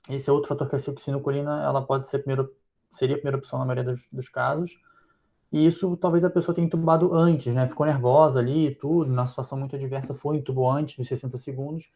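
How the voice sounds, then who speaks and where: Fast, gravelly Brazilian man critiquing a study. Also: mid-range voice, darkish tone. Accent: Brazilian Portuguese. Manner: analytical, thinking aloud with frequent fillers. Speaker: physician presenting a journal article. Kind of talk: journal club critique.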